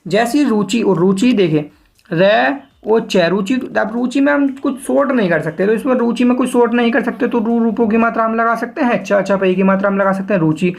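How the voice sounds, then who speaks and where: Man, shorthand teacher, spoken lesson, step-by-step explaining, frequent check-ins, slow sounded-out words. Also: very high voice, creaky. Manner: sounds out words slowly while demonstrating.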